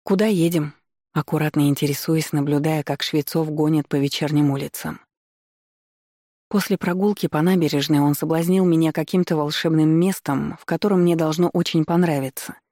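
A woman's voice: sits low, fairly even intonation, a little fast, mellow, no room sound. A young woman narrating a first-person audiobook in a wry, mocking tone, recorded on a close studio mic.

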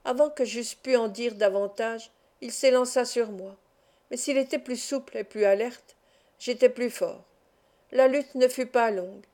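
A woman narrating a classic novel as an audiobook reader, calm and measured. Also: fairly high pitch.

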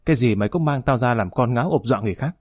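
A stern aging father lashes out at his son in a harsh, raised voice, as a male audiobook narrator reads him. The voice sits at a middle pitch. The recording is close and dry. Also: a little fast, no echo, close to an everyday voice. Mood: scolding. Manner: harsh, scolding, loud.

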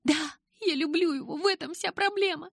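A woman narrator voicing a distraught teenage girl who shouts at her father in a high, strained voice. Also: a little fast, vocal fry, no room sound, clean studio sound. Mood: desperate.

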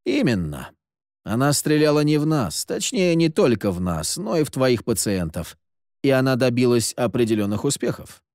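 A man voicing a calm, curt man in charge who gives terse orders, in an audiobook. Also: mid-range voice, moderate pace, no echo, clean studio sound. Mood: commanding.

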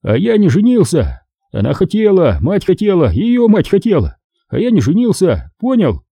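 A man's voice: high voice, wildly swooping pitch, normal speed, vocal fry, husky, no echo, clean studio sound, voice pushed up, exaggerated voice. A man playing a rowdy young soldier on a rant. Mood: indignant rant. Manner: loud, indignant, coarse.

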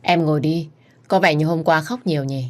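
A woman voicing a calm, calculating female rival who speaks in a confiding tone in a storybook. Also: low voice, brisk, lightly acted.

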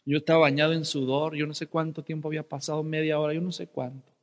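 Dramatic preacher in a reverberant hall. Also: male voice, on the high side, little pitch movement, quick pace. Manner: dramatic storyteller, shouting and whispering for effect. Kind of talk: sermon with personal story.

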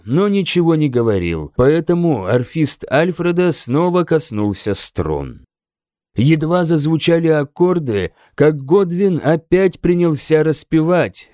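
A man narrating an audiobook in the first person with slow, expressive storytelling. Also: a little high, no room sound, studio quality.

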